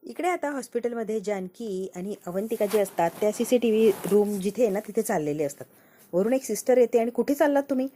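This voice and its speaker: Fast-talking woman recapping a TV serial. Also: medium pitch, expressive, mellow, a little hiss or hum. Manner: rapid retelling, voicing each character. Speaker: TV serial reviewer. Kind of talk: episode recap narration.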